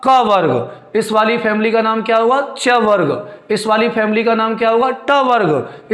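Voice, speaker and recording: A male Hindi grammar teacher gives a classroom lecture, repeating his points and quizzing the students he calls his kids, fondly using "beti" and "chhote." His voice is high-pitched and fairly bright, and the sound is reverberant.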